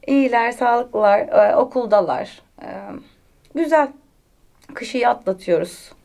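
Brief: woman, 30s, talk show guest, high voice, giggly and animated. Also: a little slow. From Bulgaria, raised in Aydın. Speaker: actress guest. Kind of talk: casual talk show chat.

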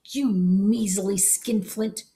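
A woman voicing a burly, angry shopkeeper who shouts and blusters. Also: fairly low pitch, very animated, moderate pace. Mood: furious.

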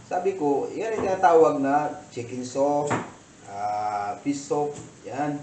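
A Filipino man rambles casually through a cooking story, full of fillers and asides. His voice sits a little high and comes from some distance off the mic. The kitchen is roomy and echoey, with clicks and clatter heard behind him. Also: takes it slowly, background noise. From Philippines. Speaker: cooking vlogger.

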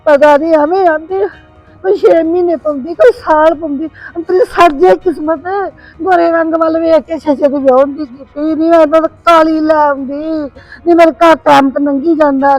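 A woman's voice: high voice, darkish tone, no echo, dull audio, close to an everyday voice. A woman with a Punjabi accent playing a worried mother who pleads with her son and wails over her family's fate. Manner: pleading, wailing, scolding. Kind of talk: village drama acting.

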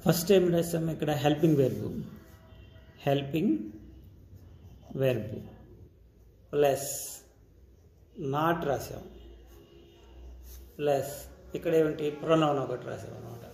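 A man's voice: fairly high pitch, normal speed, pauses often, a little mellow, echoey room. A man with a Telugu accent teaching English grammar step by step, checking in with his students as he goes. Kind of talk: classroom-style grammar lesson.

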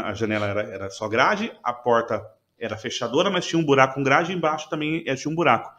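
A man's voice: mid-range voice, fairly bright tone. A man, a podcast guest, earnestly retelling a personal testimony with emotion and frequent restarts.

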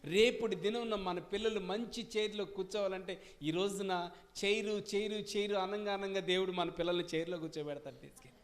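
A man preaching a sermon as pastor to his congregation, swinging between loud emphatic questions and quieter asides. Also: high-pitched, steady tone, brisk. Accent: Telugu. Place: church service.

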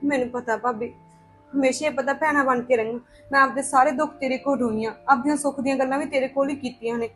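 A woman's voice: sits high, fairly even intonation, fast talker, soft background music, natural voice. A woman playing a young unmarried woman, earnest and resolute, in a Punjabi drama. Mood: reassuring. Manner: earnest, insistent.

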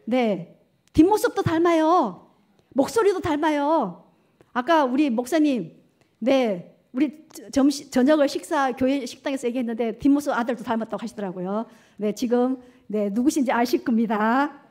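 A woman's voice: high voice, darkish tone. A middle-aged woman pastor preaching a sermon in a church, often putting questions to the congregation and answering them herself. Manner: call-and-response questions to the congregation. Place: church sanctuary.

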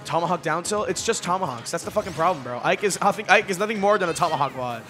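An excitable male esports commentator calls the match live, cursing casually and exploding at big moments. His voice is bright and edgy and sits a touch high, with faint music underneath. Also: fast talker. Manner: excitable, swears, loud outbursts at big plays.

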